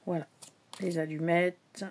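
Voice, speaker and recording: A woman's voice: fairly low pitch, flat delivery, slow, darkish tone. Chatty woman showing tarot decks. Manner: chatty, hesitant, many fillers, drops to whispers at times. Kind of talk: casual show-and-tell vlog.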